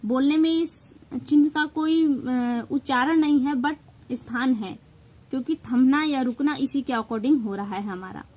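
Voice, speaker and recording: A woman with a bright, high voice and a Hindi accent teaching a grammar lesson for exam prep. She explains patiently and step by step, leaning on key terms and slipping English words into her speech. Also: a little slow, poor audio.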